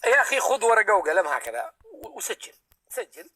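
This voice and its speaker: A man hosting a live online debate on a headset, pleading again and again for calm. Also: sits high, brisk, no echo. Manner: pleading, repeats calls for calm. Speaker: live stream host moderating a debate. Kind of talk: heated online debate moderation.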